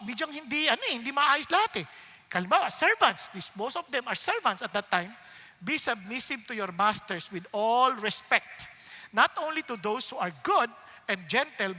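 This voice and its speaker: A man's voice: extremely high pitch, bright, forceful tone. A man preaching a sermon. He asks the crowd rhetorical questions and switches between Tagalog and English. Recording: long hall reverb.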